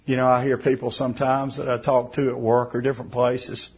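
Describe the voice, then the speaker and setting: A man preaching a sermon in a fervent way, rising to emphatic bursts and then dropping soft. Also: mid-range voice, little pitch movement, a little fast, husky.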